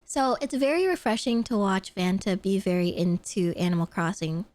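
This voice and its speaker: A woman streamer in casual chat, excitable and gushing, with squealing laughs and free swearing. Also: medium pitch, normal speed, dry recording.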